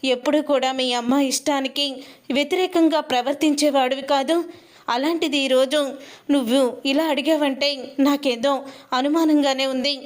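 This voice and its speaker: A woman's voice: sits high, steady tone, moderate pace, lightly acted. A woman voicing a worried middle-aged father who keeps pressing his son with urgent, pleading questions, as a storyteller retelling a TV serial. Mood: puzzled.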